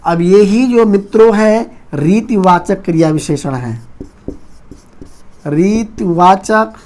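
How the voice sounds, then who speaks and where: Man, Hindi teacher, online exam-prep lesson, rapid-fire, loud near-shouting delivery. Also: high voice, lively intonation. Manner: keeps addressing viewers as friends.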